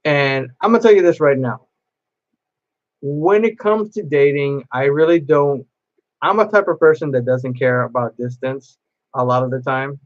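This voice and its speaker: A man's voice: mid-range voice, normal speed, highs cut off. A man chatting to camera as a cosplay vlogger, telling a long personal story in a rambling way with many restarts.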